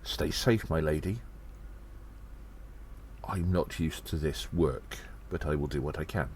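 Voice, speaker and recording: A man acting as a gnome secret agent reads gravely from his audio drama tale in a strikingly low, slightly mellow voice. He's theatrical and self-important, cheeky and deliberate, and noticeable background noise can be heard.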